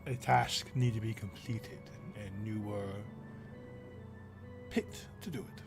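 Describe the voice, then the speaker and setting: A man voicing a stern royal father who speaks in a grave, measured way in a tabletop game. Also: lowish voice, steady tone, gravelly, over music.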